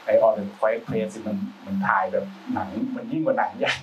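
A man's voice: lowish voice, steady tone, normal speed, a bit bright, lo-fi sound. Chatty man talking a bit off-mic. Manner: loose and chatty, with frequent restarts and slang. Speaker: film sound designer, guest speaker. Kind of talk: casual talk-show conversation. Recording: voice a bit far from the mic, faint background noise.

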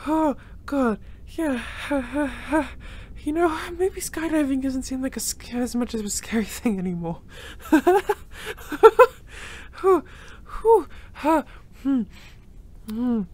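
Woman voicing a breathless gentle reborn spirit. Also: high voice, lively intonation, takes it slowly, heavily acted. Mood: shaken, relieved. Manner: breathless, sighing and laughing nervously. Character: young male reborn spirit, gentle and emotional. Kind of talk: audio role-play to a listener.

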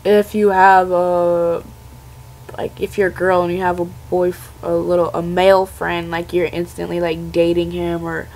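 Congested young woman with a gravelly voice. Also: lowish voice, a little mellow, low-quality recording. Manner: rambling, filler-heavy, exasperated. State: congested from a cold. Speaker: vlogger. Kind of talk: rambling rant to camera.

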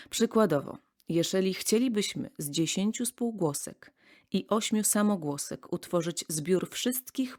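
A woman with a somewhat low voice narrates an educational lesson. She explains things in a measured, steady way, like a scripted lecture.

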